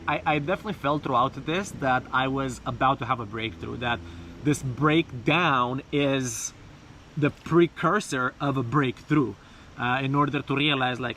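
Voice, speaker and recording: A man talking casually and haltingly in an unscripted personal vlog, repeating words and speaking informally, outdoors. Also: medium pitch, fairly bright tone, slight background noise. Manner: informal, sprinkled with swearing and bro. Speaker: vlogger. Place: outdoors, bathing in a river.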